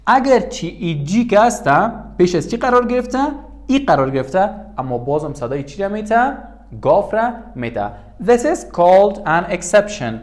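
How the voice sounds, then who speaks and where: A man with an Afghan Dari accent teaching an English lesson in a room with a writing board. He says each word slowly and more than once, then translates it. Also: high voice, big pitch swings. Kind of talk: bilingual classroom lesson.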